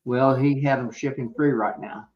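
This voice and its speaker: A man's voice: medium pitch, steady tone, moderate pace, a little hiss or hum. Folksy man on a dull lo-fi line. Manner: folksy, self-described hick, talks with mouth full. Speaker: beekeeper guest on live chat. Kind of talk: casual chat.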